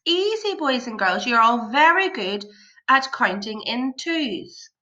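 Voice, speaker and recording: Slow and bright, with big pitch swings in a voice on the high side, this primary maths teacher quizzes young children in a kids-show-host manner, full of praise and encouragement. The lo-fi recording sounds a little dull.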